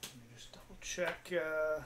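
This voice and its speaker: A man's voice: on the high side, moderate pace, a bit bright, a little hiss or hum. A man hosting a card-break livestream, chatting casually with viewers in an easygoing way with lots of fillers.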